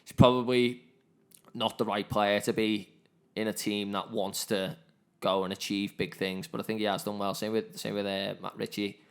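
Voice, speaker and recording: A man's voice: on the low side, flat delivery, normal speed, clear, resonant tone. A man co-hosting a casual football podcast with matey banter. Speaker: podcast co-host.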